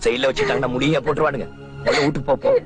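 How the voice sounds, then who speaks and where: An actor playing a proud, hot-tempered village landlord, gruff and commanding. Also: male voice, mid-range voice, steady tone, racing, lightly acted. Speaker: village headman arrested by police. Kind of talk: film comedy acting. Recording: film soundtrack with music behind.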